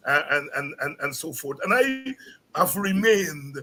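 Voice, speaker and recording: Speaking a little slowly with fairly high pitch, a man in his sixties from Guyana reflects as a guest on an interview, his Guyanese accent clear. He's a university lecturer and animated storyteller who tends to repeat words as each thought starts.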